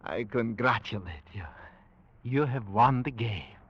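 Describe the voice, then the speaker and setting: Slow, suave, sinister gentleman general. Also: medium pitch, lively intonation, slightly rough. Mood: startled, gracious. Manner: suave, unhurried, theatrically polite. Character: cultured, coolly sinister gentleman general who hunts men. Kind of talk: 1940s radio acting. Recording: dull, band-limited 1940s radio recording.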